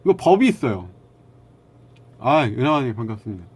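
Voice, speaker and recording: A man's voice: medium pitch, big pitch swings, fairly quick, a little mellow, slightly rough. A man talking casually to his live-stream viewers, lecturing them bluntly and arguing back at their comments.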